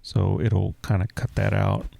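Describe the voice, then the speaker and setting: A deep, gravelly-voiced man hosts a casual screen-recorded tech tutorial, explaining mic settings a little slowly in relaxed, rambling talk full of fillers. He records in a home room with a heater running, using a USB desk mic that has no pop filter.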